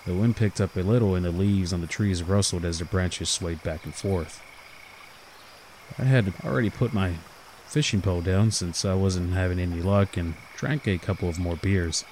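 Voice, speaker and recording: A man's voice: low voice, fairly even intonation, normal speed, darkish tone, slight background noise. A man reading a scripted first-person horror story as its narrator.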